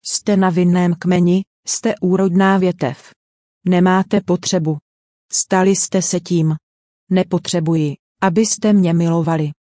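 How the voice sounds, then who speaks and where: Woman doing a sermon voice-over, low-ish warm tone, dry close sound, earnest and direct. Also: level tone, no room sound. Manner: earnest, direct storytelling preaching. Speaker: voice-over translator of a preacher.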